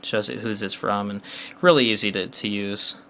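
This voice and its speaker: A man with a bright, forward voice walks through a phone's features in a casual demo. He talks along as he taps, loose and chatty, full of uh's and restarted sentences. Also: on the low side, fairly even intonation, moderate pace, slight background noise. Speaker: phone reviewer.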